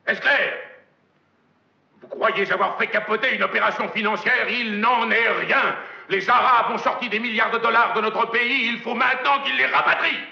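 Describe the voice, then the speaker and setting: An actor playing a domineering, messianic corporate magnate in a film monologue, with hammy, theatrical stage declamation and a gravelly voice. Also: male voice, sits low, a little slow, sharp tone, full character voice. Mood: thundering, wrathful. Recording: dull, echoey film soundtrack.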